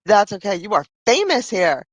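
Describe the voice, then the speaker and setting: A woman's voice: mid-range voice, very animated, moderate pace, dry recording. A woman hosting a casual live stream, chatting in a rambling way and losing her voice. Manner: chatty, rambling, frequent "I mean" and "right?". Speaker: livestream host.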